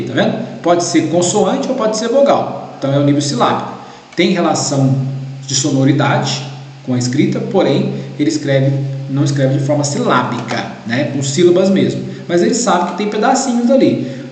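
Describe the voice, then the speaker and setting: A man's voice: a little high, very animated, moderate pace, darkish tone. Brazilian man explaining in an echoey room. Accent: Brazilian Portuguese. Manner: explanatory, frequent checks like "né?" and "tá?". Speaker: teacher explaining a grading guide. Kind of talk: recorded lesson walkthrough. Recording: echoey room with long reverb.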